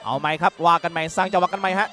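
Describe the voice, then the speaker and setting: A man giving excited live boxing commentary. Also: high voice, rapid-fire, faint music behind.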